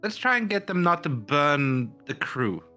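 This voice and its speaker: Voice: mid-range voice, big pitch swings, measured pace, pushed and bright, faint music behind. A person playing a tabletop role-playing game, bantering casually in character with the group.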